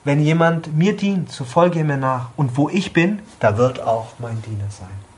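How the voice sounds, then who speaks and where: A man's voice: fairly high pitch, expressive, a little slow, darkish tone. A man giving an informal sermon to a small group, conversational, often asking his listeners questions. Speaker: preacher at a small church group.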